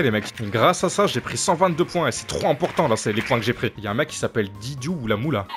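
A man streaming live gameplay, commentating to viewers and teammates, excitable and swearing freely. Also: medium pitch. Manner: addresses viewers as "les gars". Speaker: gaming streamer.

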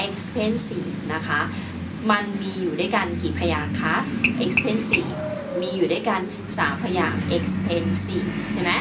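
A woman explains a grammar lesson in a patient, repetitive way, spelling words out letter by letter. She sounds a little distant from the microphone, and steady background noise is clearly audible. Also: mid-range voice. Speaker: English teacher.

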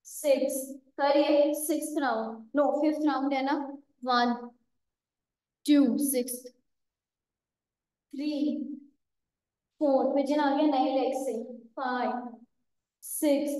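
Woman fitness instructor, high voice, unhurried counting, echoey room. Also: fairly even intonation, darkish tone. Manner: counting reps, calling exercises, correcting participants by name. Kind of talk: live workout class instruction.

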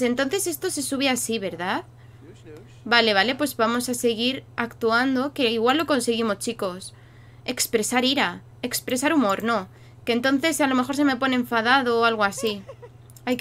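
Slightly high and bright, this young woman's voice has a forceful edge and moves at a normal speed, with a faint hiss or hum in the audio. As a gaming YouTuber, she chats playfully through a life-sim game, addressing viewers and characters alike in casual commentary.

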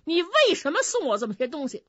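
A woman's voice: high voice, sing-song, fast talker, no room sound, voice pushed up. A woman voicing a polite, subdued old male innkeeper, in a dry, slightly dull recording.

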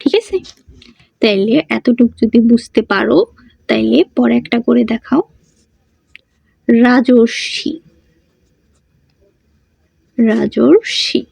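A woman's voice: fairly high pitch, fairly even intonation, normal speed, creaky, a little mellow, husky, no room sound. A woman teaching a grammar lesson. She asks questions and answers them herself, and she repeats the key words. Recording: dull muffled sound, dry.

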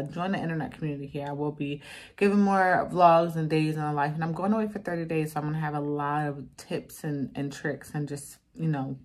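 Woman in her 30s, pretty low voice, just chatting to viewers at home on a phone cam. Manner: chatty, talks straight to viewers. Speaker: vlogger. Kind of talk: casual vlog chat. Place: home room, indoors. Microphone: phone or camera at close range.

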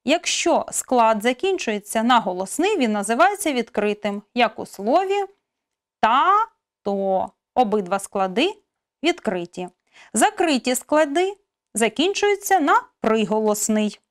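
Woman teaching, slow clear examples. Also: a little high, very animated. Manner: slow, careful explanation with spelled-out examples. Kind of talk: Ukrainian language lesson.

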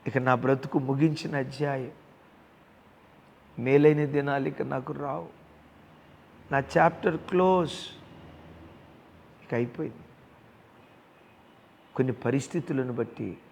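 A male pastor delivers an impassioned sermon with a gravelly, rough-edged voice. He speaks straight to his listeners as brother and sister and builds toward forceful passages. His voice rings out with a long reverb in a big hall over a faint murmur of ambience. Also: mid-range voice, fairly even intonation, moderate pace, pauses often, a little hiss or hum. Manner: impassioned preaching that swells into loud emphatic passages.

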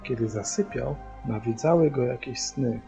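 A man reading a children's book aloud as a father, with steady, even storytelling. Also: mid-range voice, normal speed, creaky. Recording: dull lo-fi audio via hearing aid, faint music.

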